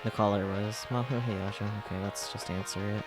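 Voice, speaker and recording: Low-voiced man reading a game aloud over music. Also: steady tone, fairly quick. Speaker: player reading a visual novel aloud. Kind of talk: live read-aloud of translated game script with asides. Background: game music and Japanese voice acting.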